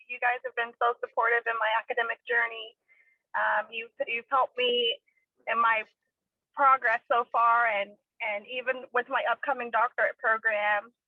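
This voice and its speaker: A woman graduate speaking on a video call, grateful and nervous, a little halting. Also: fairly high pitch, no room sound. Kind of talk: short speech over a video call. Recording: dry tinny phone-like audio.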